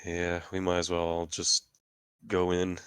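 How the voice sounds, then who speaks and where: A man's voice: low-pitched, completely flat delivery, unhurried, a bit bright, smooth, dry recording. A man playing a tabletop role-playing game, chatting about plans with easygoing, joking banter. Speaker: player. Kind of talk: casual tabletop game play.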